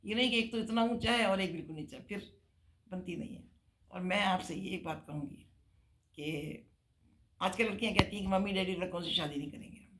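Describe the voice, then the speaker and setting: A woman's voice: medium pitch, fairly quick, fairly bright tone, a little hiss or hum. An older woman giving earnest, emphatic marriage advice on a talk show.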